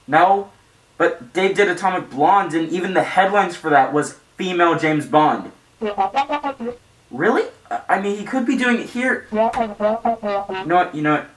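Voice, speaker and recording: A video reviewer and host narrates a comedic, opinionated review, ranting sarcastically and swearing over background music. His slightly high, expressive voice is a bit bright, his pace measured with long pauses, and the audio quality is poor.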